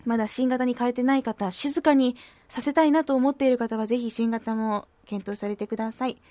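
Playful high-voiced woman radio host. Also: steady tone, a little fast, dark tone, no echo. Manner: playful, self-mocking, puts on silly voices. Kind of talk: casual radio chat reading listener posts.

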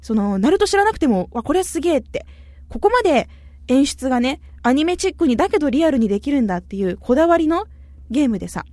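A woman's voice: high-pitched, big pitch swings, fast, darkish tone, no echo. A woman with a Kyushu Japanese accent hosting a radio chat show, reading listener messages in a playful, chatty way and slipping into local dialect. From Kumamoto, Japan.

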